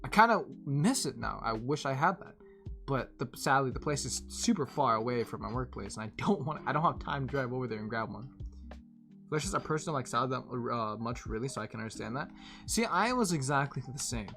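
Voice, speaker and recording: A young woman streamer chatting casually with her viewers, rambling and laughing often, going from animated bursts to tired murmurs. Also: rumbling low, fairly quick, soft background music. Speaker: live streamer.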